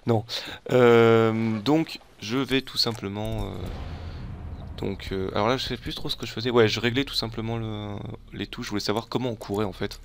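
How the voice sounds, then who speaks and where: Low, gravelly chatty gamer guy. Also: fairly even intonation, normal speed, a little hiss or hum. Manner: chatty, self-mocking, lots of fillers. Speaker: gaming video host. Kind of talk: casual let's play commentary. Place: home desk, recorded after the gameplay.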